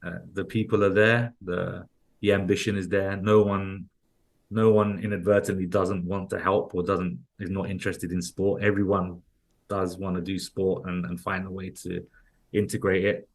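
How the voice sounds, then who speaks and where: With a very low voice and a London accent, a London-born podcast guest talks casually at normal speed, his pitch barely shifting. He rambles, loops back, and restarts his sentences, leaning heavily on "like" and "you know."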